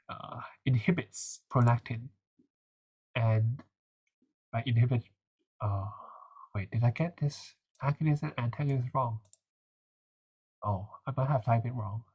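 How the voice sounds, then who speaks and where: A man's voice: mid-range voice, unhurried, pauses often, husky, muffled recording. A young man with a nasal voice, casually running a revision session and talking through quiz answers with plenty of fillers and restarts. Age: young adult. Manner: chatty, hesitant, many fillers. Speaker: medical student tutor.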